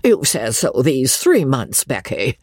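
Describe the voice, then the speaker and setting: A reader putting on a coarse old baronet. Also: male voice, mid-range voice, huge pitch swings, slow, no echo, clean studio sound, full character voice. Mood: demanding. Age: older. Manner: rustic ungrammatical speech, pleading. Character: old male baronet, blunt, coarse, pleading.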